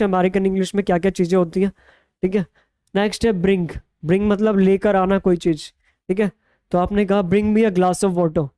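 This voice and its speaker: An English teacher with an Indian accent gives a beginners' vocabulary lesson. The teacher explains patiently and repeats each example sentence slowly and clearly. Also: medium pitch, mellow, no echo.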